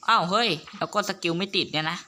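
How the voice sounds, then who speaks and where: A man giving casual gaming commentary, excitable and teasing, with loud outbursts and swearing. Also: high voice, fast talker. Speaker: gamer and video host. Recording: noisy home recording.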